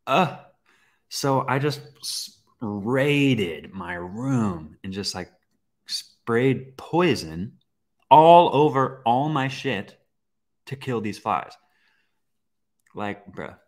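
A young man hosting a podcast, telling a personal story in a casual, animated way, with swearing and acted-out reactions. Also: lowish voice. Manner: animated, swearing, acts out his own reactions. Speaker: podcast host.

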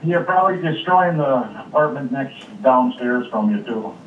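An older maintenance man speaking bluntly and gruffly in a phone conversation. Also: medium pitch, lively intonation, normal speed, far from the mic. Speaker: maintenance worker. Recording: tinny phone line, roomy noisy playback.

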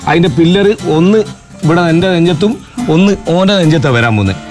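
A man with a Kozhikode Malayalam accent, calmly mediating a village quarrel and explaining at length. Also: a little high, over music. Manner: calm, explaining at length, fast-talking. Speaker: local mediator settling a neighbour dispute. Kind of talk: Malabar village comedy serial acting.

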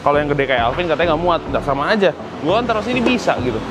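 On a concrete garage forecourt next to a workshop, a young motovlog host races through his words in a slightly high, very animated voice. He's casual and slangy, complaining with exasperation, and the recording is very noisy.

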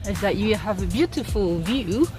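A woman's voice: mid-range voice, animated, normal speed, music in the background. A woman in her thirties co-hosting a vlog, chatting playfully and laughing often while walking outdoors in a park, filmed on a phone at arm's length. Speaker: vlog co-host. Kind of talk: casual chat.

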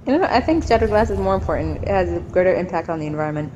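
A woman's voice: fairly low pitch, animated, rapid-fire, lo-fi sound, slight background noise. A woman co-hosting a let's play, teasing her partner in playful banter. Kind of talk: casual gameplay chat.

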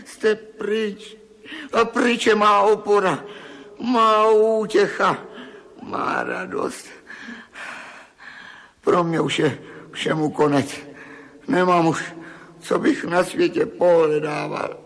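A creaky old miser. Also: male voice, high-pitched, pauses often, a bit bright. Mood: frantic. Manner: blustering, frantic when robbed. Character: miserly old father, greedy and tyrannical. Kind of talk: radio play acting.

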